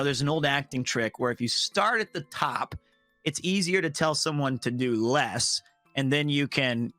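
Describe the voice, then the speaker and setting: A man and voice actor telling a strange work story in casual chat, animated and acting out the voices he quotes. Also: on the high side, no room sound.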